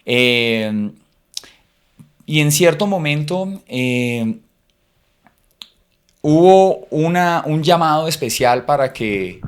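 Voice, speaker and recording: Here the speaker is a middle-aged man from Cúcuta, Colombia, with that city's accent, giving his personal faith testimony in an interview. He is reflective and hesitant with many fillers, and his clear, resonant voice sits a little high, expressive and very slow, with frequent pauses.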